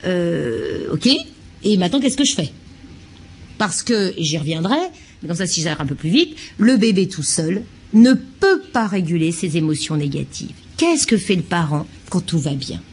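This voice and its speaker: A woman's voice: fairly low pitch, very animated, moderate pace, darkish tone, husky. A child psychiatrist giving a lecture to childcare staff, a woman who talks expressively and acts out short examples.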